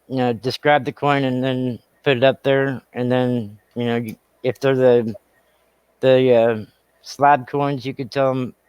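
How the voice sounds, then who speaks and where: A man's voice: medium pitch, clear, resonant tone, no room sound, muffled recording. A man in casual live-stream chat, rambling and stuttering through long suggestions.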